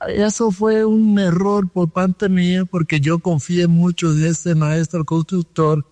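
A man's voice: high-pitched, level tone, slow, a little mellow, no room sound, big-room sound. A man with a Dominican accent, a guest telling his life story earnestly over a phone line. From Dominican Republic.

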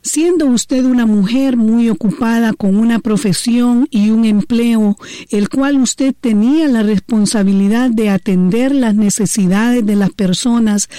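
A woman hosting a radio interview, asking calm, measured questions. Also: fairly high pitch, no room sound. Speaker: radio host.

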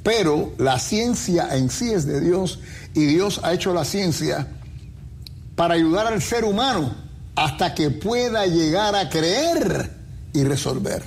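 Preaching man, slightly higher voice. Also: lively intonation, slow, a little hiss or hum. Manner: preachy, uses everyday comparisons. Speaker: pastor co-host. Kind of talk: faith talk show answering questions.

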